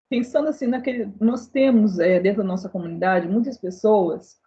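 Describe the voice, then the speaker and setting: A woman's voice: mid-range voice, lo-fi sound. A woman hosting a casual interview, chatty and asking long, winding questions. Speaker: interview host.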